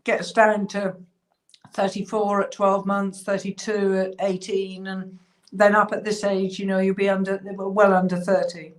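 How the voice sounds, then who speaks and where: A woman's voice: mid-range voice, level tone, unhurried. A woman talking as a guest over a video call, explaining thoughtfully with frequent fillers. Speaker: cheesemaker guest. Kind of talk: casual interview chat.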